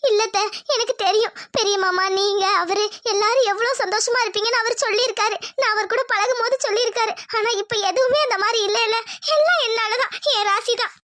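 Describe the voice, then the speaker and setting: A woman's voice: extremely high pitch, fairly quick, few pauses, a bit bright. A woman voicing a meek young cartoon bride. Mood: pleading. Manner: pleading, melodramatic. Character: meek young village bride, self-blaming and tearful.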